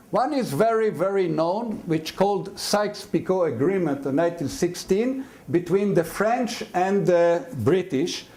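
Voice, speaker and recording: A man in his seventies or older, born in Mandate Palestine, giving a university lecture in an explanatory, halting way with many fillers and restarts. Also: sits high, a little mellow. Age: 70s or older.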